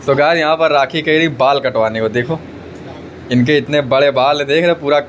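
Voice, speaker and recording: A man's voice: on the high side, fairly quick, lo-fi sound, slight background noise. Chatty young man filming his family. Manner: teasing, chatty, keeps addressing viewers. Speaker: family vlogger. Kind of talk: casual vlog chat to the camera. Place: indoors at home.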